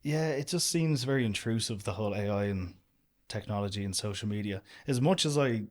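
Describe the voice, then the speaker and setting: An Irish man in his young adult years chats easily as a guest, his voice sitting a little low. He rambles comfortably, leaning on "do you know" as he talks about being outdoors. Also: brisk. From Ireland. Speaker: guest, outdoor business owner. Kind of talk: casual interview chat.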